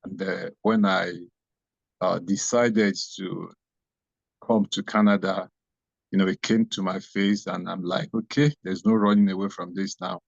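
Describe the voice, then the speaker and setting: A man's voice: deep voice, level tone, unhurried, creaky, no echo. A man attendee introducing himself in a rambling, hesitant way on a video call. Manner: rambling, hesitant, many fillers. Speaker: webinar attendee. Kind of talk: casual self-introduction. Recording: dry, dull video-call audio.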